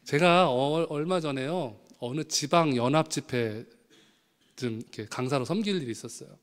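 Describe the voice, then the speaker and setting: A man, a pastor, preaching a sermon with animated storytelling, acting out voices from his anecdotes. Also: a little high, moderate pace. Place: church sanctuary. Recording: long hall reverb.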